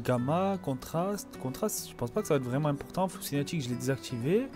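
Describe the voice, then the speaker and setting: A man's voice: fairly high pitch, animated, a little fast, music in the background. A young man from France giving casual, jokey commentary while playing a video game, full of slang and banter. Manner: reads tutorial text aloud. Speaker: gamer streamer. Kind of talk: casual let's play commentary.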